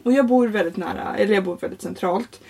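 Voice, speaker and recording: Husky, mellow young woman telling stories. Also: medium pitch. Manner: animated, laughs often, swears casually. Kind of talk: casual chat, comic storytelling.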